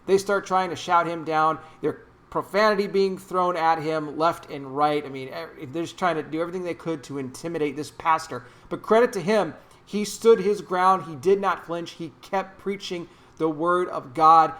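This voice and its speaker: A man's voice: on the high side, moderate pace, fairly bright tone. A man giving opinionated vlog commentary in an emphatic, indignant, preachy way, repeating phrases for emphasis. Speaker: YouTube commentator.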